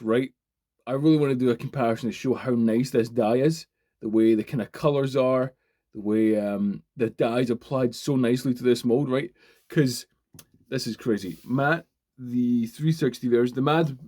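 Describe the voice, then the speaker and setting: A man, chatting casually and excitedly while unboxing and reviewing a toy, swearing freely as he rambles. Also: mid-range voice. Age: 20s. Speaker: toy reviewer, channel host.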